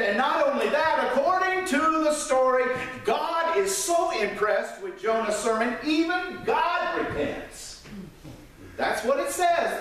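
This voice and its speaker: Animated man preaching in an echoey church. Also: distant mic. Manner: animated, gesturing preacher with wide swings in pitch. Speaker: pastor. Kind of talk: sermon. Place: church sanctuary. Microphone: pulpit mic, filmed from the pews.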